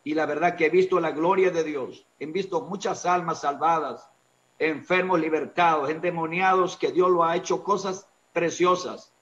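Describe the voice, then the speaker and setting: Male pastor, emotional testimony, slightly raised pitch, muffled lo-fi sound. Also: fairly even intonation, normal speed, a bit bright. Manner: earnest, emotional storytelling. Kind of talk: testimony in an interview. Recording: dull lo-fi recording.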